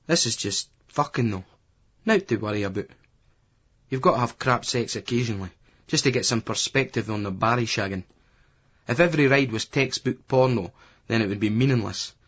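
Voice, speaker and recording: A Scottish man reads a first-person novel in a blunt, crude, offhand voice at a middling pitch. The recording is dull and lo-fi. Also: a bit bright, husky. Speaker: audiobook narrator.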